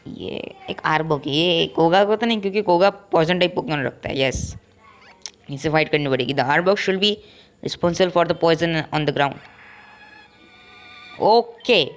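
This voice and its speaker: A man's voice: high voice, a bit bright. Casual gamer guy commenting. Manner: reads in-game English text slowly, jokes and taunts opponents. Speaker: gameplay streamer.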